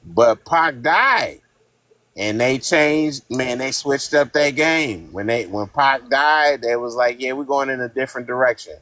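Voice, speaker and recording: A man in his fifties from Northern California calls into a live-stream podcast chat and tells heated, profane stories bluntly and casually. His voice is mid-range, unhurried, bright and forceful, with no room sound.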